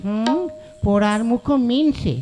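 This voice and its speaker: A man's voice: high voice, measured pace. A man voicing a fiery, jealous middle-aged mother in a folk puppet show, scolding shrilly. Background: tabla and folk music.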